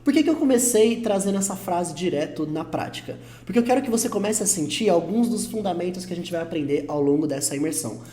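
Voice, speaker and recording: A man with a Brazilian Portuguese accent leads an online English lesson in a mellow, warm voice. He talks patiently and reassuringly, slowing down to repeat each example. The recording carries a noticeable roomy echo. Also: sits high, animated, slight background noise. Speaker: English teacher.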